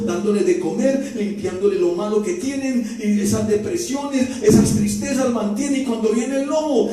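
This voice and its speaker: High-voiced pastor in an echoey hall. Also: male voice, mellow. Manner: conversational preaching with rhetorical questions to the congregation. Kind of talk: sermon. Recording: very echoey church hall from far off, faint music.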